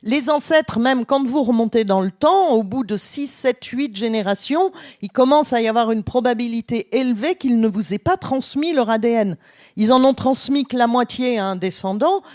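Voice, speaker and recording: High-voiced French scientist woman, hesitant. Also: darkish tone, no room sound, clean studio sound. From France. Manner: hesitant, many fillers and restarts; enthusiastic. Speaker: genetic anthropology professor. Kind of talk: explanatory conference conversation. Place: conference stage.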